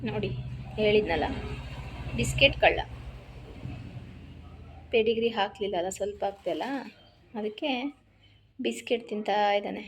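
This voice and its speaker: A woman talking to her pet dog in a scolding, coaxing way, then quietly explaining to viewers. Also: mid-range voice, measured pace, long pauses, a little hiss or hum. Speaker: pet vlogger.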